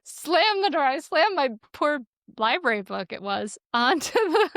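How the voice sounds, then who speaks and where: A middle-aged woman with a slightly high voice tells parenting stories in an animated way, laughing often and restarting her sentences. She is recorded close and dry, with almost no room sound. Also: measured pace, no echo. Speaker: parenting guest. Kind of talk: conversational advice in an interview.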